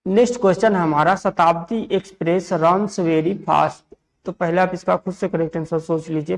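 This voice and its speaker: A man from India teaching an English grammar lesson for exams. He asks questions and answers them himself, repeats set phrases, and reads the example sentences slowly. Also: on the high side, vocal fry, a little mellow. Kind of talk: exam-prep grammar lesson.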